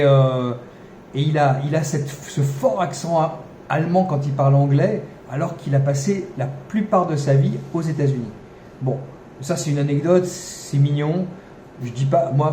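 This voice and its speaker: A mellow, medium-pitched man hosts a podcast, riffing off the cuff in an unscripted monologue packed with fillers, restarts and wry, ironic asides. The room is echoey, with faint noise in the background.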